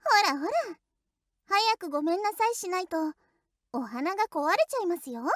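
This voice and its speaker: A woman's voice: very high-pitched, lively intonation, normal speed, fairly bright tone, dry recording. A woman voicing a teasing, playfully cruel young female shrine maiden in an audio role-play drama, speaking politely in a sing-song tone.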